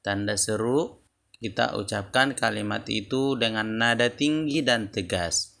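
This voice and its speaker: Man teaching kids, unhurried and gravelly, repeats points. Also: on the low side, sharp tone, slight background noise. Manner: slow, deliberate explaining with repetitions. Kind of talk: lesson video for children.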